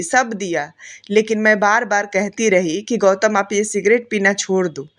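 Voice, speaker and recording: A sorrowful young wife pours her heart into a letter to her husband, as a woman narrator reads it. She speaks softly and tenderly in an everyday pitch, a loving pregnant wife in a storybook tale. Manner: soft heartfelt letter reading.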